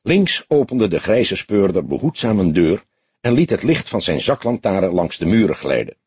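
A man narrating a detective audiobook in measured, lively scripted narration. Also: sits low, slightly rough, no room sound.

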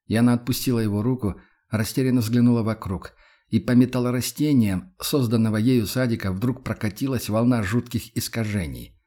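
Husky-voiced male audiobook narrator. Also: mid-range voice, steady tone, fairly quick, dark tone. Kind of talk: scripted narration.

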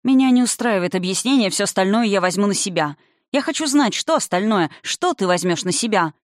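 A man's voice: high voice, expressive, a little fast, no echo, clean studio sound. A reader voicing a young male silver dragon, irritable and gloomy, who talks in a sarcastic, snapping way in an audiobook. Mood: bitter. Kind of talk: audiobook character reading.

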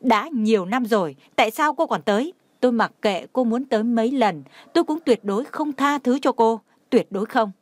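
A woman's voice: on the high side, expressive, normal speed, few pauses, a little mellow, no echo. A woman doing a furious grieving widow in her sixties. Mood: angry. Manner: wailing, furious accusations.

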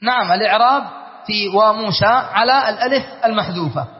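High-voiced sheikh teaching grammar in a hall. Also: male voice, a little fast. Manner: explains verse by verse, repeats key words, checks understanding. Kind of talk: classical grammar lesson. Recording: dull lo-fi audio with long hall reverb.

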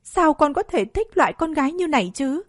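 A woman voicing an angry middle-aged mother who scolds in a shrill, accusing way. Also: sing-song, a little fast, no room sound, studio quality. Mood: furious.

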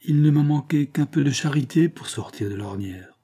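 A man's voice: fairly high pitch, expressive, moderate pace, warm tone, husky, pitched above the performer's own voice. A man voicing a sick, self-pitying middle-aged glassmaker who moans and pleads in a plaintive, feverish voice. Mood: pleading. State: feverish and in pain.

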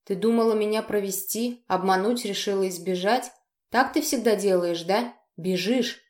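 A woman reading the lines of a furious, jealous young man with a hoarse, growling voice, in a roomy echo. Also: mid-range voice, moderate pace, natural voice. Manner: snarling threats through clenched teeth.

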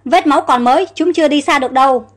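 A woman's voice: high voice, fast, close to an everyday voice. A woman reading as a furious commanding king. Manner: barking orders, threatening. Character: angry middle-aged male king, commanding and furious.

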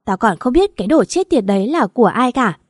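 A woman's voice: fairly high pitch, very animated, brisk, no echo, clean studio sound. A woman voicing an earnest young man who insistently denies the charges against him and pleads to be believed. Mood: protesting.

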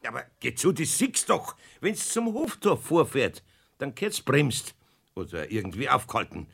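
An actor playing a good-natured, hesitant older Bavarian master carpenter in a children's radio play, easygoing, with mumbled asides. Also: male voice, mid-range voice, sing-song, normal speed, creaky, a bit bright, breathy edge, exaggerated voice. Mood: cautioning.

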